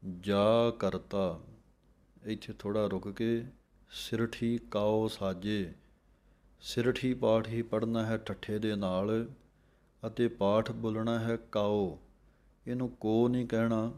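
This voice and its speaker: A low-voiced man leads a recitation lesson. He chants each verse at a very slow, drawn-out pace. Then he explains the pronunciation in a flat, even tone. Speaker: teacher of scripture recitation.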